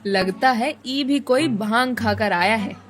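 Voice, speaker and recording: A woman's voice: fairly high pitch, slow, faint music behind. A woman playing a rustic indignant mother. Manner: indignant, rustic village speech. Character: middle-aged mother, proud and quick to scold.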